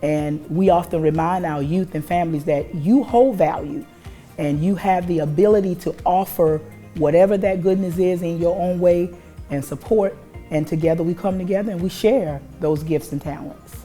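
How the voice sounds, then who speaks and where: A woman speaks in an interview with earnest, uplifting conviction. Her voice sits low and warm, with faint music underneath. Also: moderate pace. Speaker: founder and artistic director.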